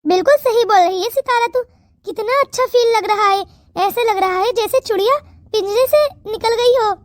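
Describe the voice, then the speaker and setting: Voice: extremely high pitch, moderate pace, no room sound, studio quality. Voice artist doing a chatty young friend. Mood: carefree. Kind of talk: cartoon story voice acting.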